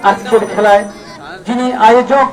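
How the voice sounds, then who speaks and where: A man's voice: very high-pitched, steady tone, normal speed. A man giving live football commentary, repeating phrases as he follows play and speaking in formal, courteous terms. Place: outdoors at a football ground. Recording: outdoor PA with crowd noise.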